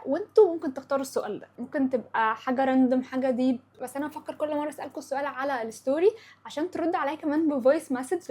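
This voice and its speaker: A woman's voice: high-pitched, a little mellow. A young woman in her twenties with an Egyptian Arabic accent, hosting a casual chat podcast, chatty and opinionated, slipping English words into her talk. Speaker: podcast host.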